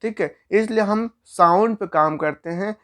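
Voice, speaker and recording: A man's voice: high-pitched, a little slow, fairly bright tone. A man teaching a grammar lesson, explaining step by step and asking questions he answers himself.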